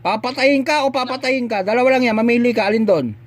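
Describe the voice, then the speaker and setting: A man's voice: extremely high pitch, quick pace. A Filipino man as a faith healer, sternly interrogating during an exorcism session.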